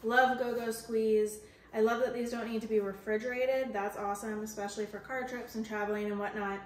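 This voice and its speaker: A woman in her thirties chatting casually in a grocery haul vlog from her home kitchen, upbeat and full of filler words. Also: a little high. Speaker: mom vlogger. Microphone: camera on counter, mid framing. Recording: echoey kitchen with faint noise.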